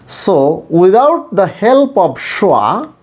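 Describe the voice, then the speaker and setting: His voice sits high, swings a lot in pitch, and has a slightly mellow quality. He is a native Bengali speaker with a Bangladeshi accent, teaching English pronunciation through deliberate repetition and demonstration.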